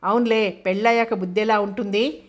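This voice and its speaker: A woman reading the part of a young wife who scolds her old friend fondly and briskly, in a flat, even voice. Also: mid-range voice, natural voice. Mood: scolding.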